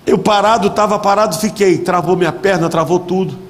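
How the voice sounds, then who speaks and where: A man's voice: sits high, brisk, slight background noise. A man preaching a dramatic testimony at a church convention, acting out the voices in his story. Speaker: pastor. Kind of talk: sermon testimony.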